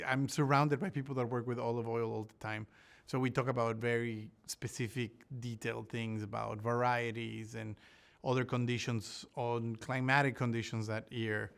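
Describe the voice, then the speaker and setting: Man from Ecuador, smooth voice, halting. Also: medium pitch, fairly even intonation, fairly bright tone. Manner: thoughtful, many restarts and fillers. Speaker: olive researcher. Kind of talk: interview answers.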